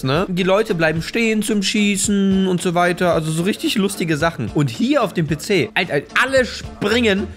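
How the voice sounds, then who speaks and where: A young man chats casually over a video game he is playing, close to a studio microphone. His voice sits fairly high and swings widely in pitch as he exclaims and jokes. Faint music runs behind him. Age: 20s. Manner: excitable, exclaiming and joking while playing. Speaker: gaming YouTuber. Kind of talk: casual gameplay commentary. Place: indoor room at home, on a couch. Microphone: close studio condenser microphone with pop filter.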